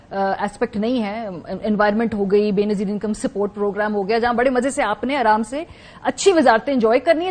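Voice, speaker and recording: A woman speaking as an analyst in a TV studio. She has a high voice and a pointed, analytical manner. She presses the guest with sharp questions. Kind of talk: TV talk-show analysis.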